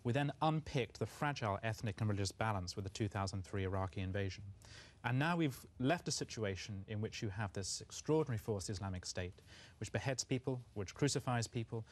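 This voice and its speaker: Male British pundit, brisk pace, fluent and forceful debating delivery. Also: lowish voice, animated. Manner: articulate, forceful argument. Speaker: debate guest. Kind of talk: televised political debate.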